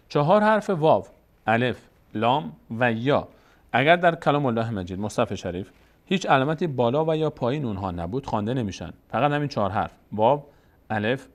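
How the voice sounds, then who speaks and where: A man teaching Quran reading, explaining the rules patiently and slowly sounding out each syllable. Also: mid-range voice. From Tajikistan. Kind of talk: step-by-step recitation lesson.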